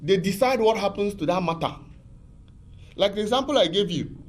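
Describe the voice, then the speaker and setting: A man's voice: high voice, lively intonation, normal speed. A man explaining arbitration law as a guest on a TV talk show, patient and repetitive, with many fillers and restarts. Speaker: legal expert guest.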